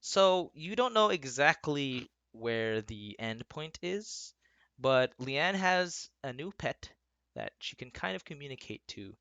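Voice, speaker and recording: A young man narrates a tabletop game as its dungeon master, pausing often with ums as he lays out options. His voice is bright and lively in pitch and his delivery is slow. The sound is dry and close. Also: no echo, highs cut off. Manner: hesitant, full of ums.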